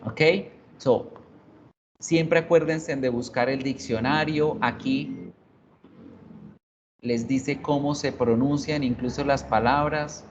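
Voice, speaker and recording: Patient teacher, slow, dull lo-fi call audio. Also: female voice, extremely low pitch, fairly even intonation, a little mellow, slight background noise. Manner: explains patiently, mixing Spanish and English, checks in with "right?" and "¿sí?". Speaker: English teacher. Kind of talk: online class lecture. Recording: dull lo-fi online class audio.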